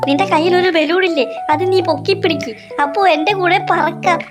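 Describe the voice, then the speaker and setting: A teasing old Santa Claus doll, played by a woman, with a very high voice over clear background music. He jokes playfully. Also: fairly quick.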